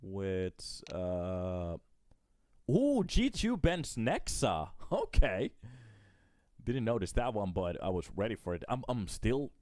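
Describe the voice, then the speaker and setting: A man's voice: fairly low pitch, sing-song, slow pace, a little mellow, dry recording, clean studio sound. A man doing casual live esports commentary and chatting with his viewers. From Finland. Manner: casual, chatty, talks to chat between plays. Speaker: esports caster.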